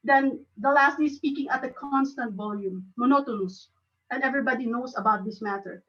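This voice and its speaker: A woman with a Filipino accent giving a club talk on speaking, halting and restarting often. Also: sits high, recorded from a distance, muffled recording. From Philippines. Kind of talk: educational talk.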